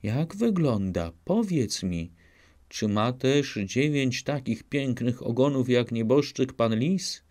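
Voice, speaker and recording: A man's voice: mid-range voice, lively intonation, slow pace, darkish tone. A man doing a vain, picky widow vixen. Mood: haughty. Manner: demanding, choosy questions.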